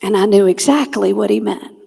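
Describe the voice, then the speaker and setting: Her voice is medium-pitched, dark, slightly rough, with vocal fry: a Southern woman from Georgia giving a humorous motivational keynote on a conference hall stage mic. The big room adds long reverb, and as a speaker-comedian she tells stories dramatically, pausing, making comic asides, and sinking to a near whisper for punchlines.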